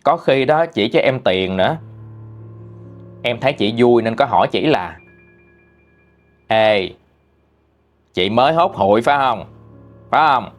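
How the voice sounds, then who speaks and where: A man with a Southern Vietnamese accent telling a gossipy story in a chatty, exclamatory way. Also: mid-range voice. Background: faint music.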